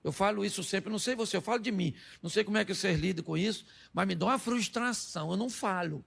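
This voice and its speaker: A Brazilian man preaches with a high, gravelly voice that has a husky edge. He tells the story with jokes, slips into the voices of the people in it, and keeps asking the congregation to answer yes or no. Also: fast, a bit bright. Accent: Brazilian Portuguese. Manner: jokey storytelling, acts out dialogue, asks the crowd "sim ou não?". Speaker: pastor. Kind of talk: humorous sermon.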